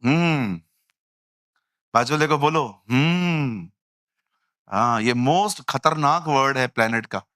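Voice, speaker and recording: A male preacher who talks slowly and deliberately in a bright, forceful voice that sits fairly high. He acts out the people he meets and pokes fun at them. The sound is dry and close. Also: no echo. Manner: animated, acting out people and mocking them. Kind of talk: lively Hindi sermon.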